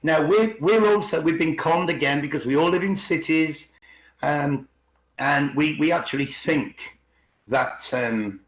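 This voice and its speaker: This middle-aged man, somewhat high-voiced, keeps a measured pace while sharing opinions in a casual online call. He rephrases himself emphatically along the way, and the call sounds roomy and echoey.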